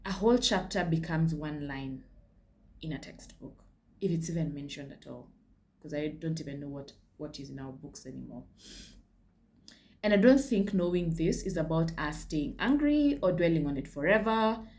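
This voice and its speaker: A woman's voice: low-pitched, expressive, moderate pace, a little mellow, a little hiss or hum. A Kenyan woman hosting a casual history vlog, chatty, with frank asides and slips into Swahili. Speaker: history channel host.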